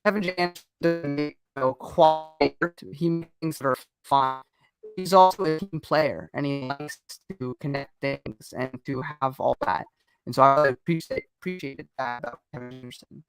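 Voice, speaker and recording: A man's voice: on the high side, normal speed, smooth, no room sound, soft background music, poor audio. A man in casual chat as host of a fan discussion show, talking at length with frequent restarts and digressions.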